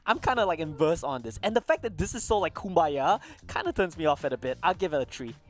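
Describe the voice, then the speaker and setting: A man's voice: fairly high pitch, lively intonation, fast, soft background music. A man commentating on an esports desk with bantering analysis, playful and sardonic, saying his "th" sounds as "t". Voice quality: speech quirk, "th" sounds said as "t".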